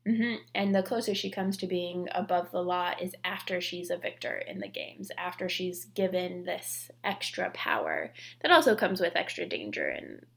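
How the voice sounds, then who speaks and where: A woman's voice: fairly low pitch, very animated, normal speed, vocal fry, few pauses, fairly bright tone. A woman co-hosting a podcast, chatting casually about scripture and fiction, with lots of "like" fillers. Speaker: podcast co-host.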